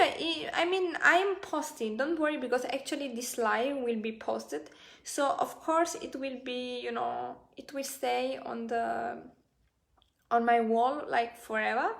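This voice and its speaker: Hosting a live stream of Buddhist talks, a twentysomething Dhamma speaker with a fairly high, gravelly voice reads out comments from viewers. Her answers are friendly yet halting, with lots of fillers and false starts, and she frequently thanks her audience.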